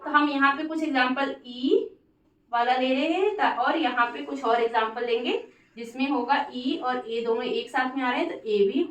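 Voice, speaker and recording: A woman with a high-pitched voice leads a phonics lesson, spelling words letter by letter and pausing to check understanding. She sits a little back from the mic, and the room gives her voice a noticeable echo. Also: distant mic. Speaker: English teacher. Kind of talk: Hindi-language English phonics lesson.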